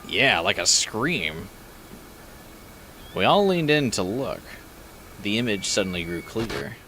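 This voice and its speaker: A man's voice: on the low side, sing-song, slow. A man doing casual, irreverent game commentary and reading story text aloud, with some background noise. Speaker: gameplay streamer.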